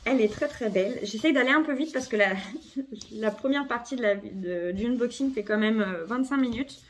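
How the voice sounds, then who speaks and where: A craft vlogger with a slightly high voice chats casually at a moderate pace while unboxing supplies at home. She has a cold and sounds hesitant, with lots of fillers and self-corrections, and there's a little hiss or hum on the recording.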